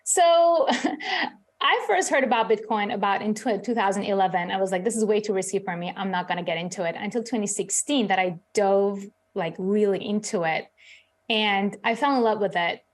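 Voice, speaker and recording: A woman's voice: medium pitch, moderate pace. A middle-aged woman born in Iran, a crypto author and CEO, answering in a live news interview in a chatty way, with lots of fillers.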